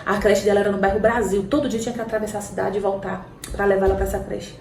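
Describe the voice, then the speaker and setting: A Brazilian woman giving an emotional faith testimony as a podcast guest, telling her story in an animated way and breaking into laughter and tears. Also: mid-range voice, rapid-fire, vocal fry. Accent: Brazilian Portuguese. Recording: roomy echo, distant mic, faint noise.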